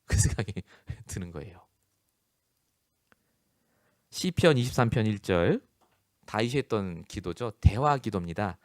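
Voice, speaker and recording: A man's voice: lowish voice, sing-song, measured pace, long pauses, no room sound, studio quality. A male pastor delivering a storytelling sermon, acting out the people he quotes and laughing often. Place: church.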